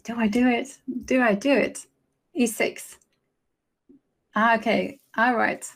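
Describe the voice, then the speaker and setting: A woman's voice: on the high side, fairly even intonation, slow pace, vocal fry. A woman streaming her chess games, chatting casually and thinking aloud as she plays. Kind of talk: casual live-stream commentary.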